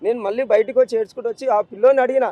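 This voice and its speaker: A man's voice: extremely high pitch, steady tone, very fast, dry recording, lo-fi sound. A middle-aged grieving father, speaking in an emotional street interview, pleading and repeating himself. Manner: grief-stricken, repetitive, pleading.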